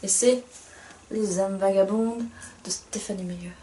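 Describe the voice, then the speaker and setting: A woman's voice: medium pitch, fairly even intonation, unhurried, dark tone, echoey room, slight background noise. A young woman co-hosting a casual book review, chatty and self-mocking, laughing often.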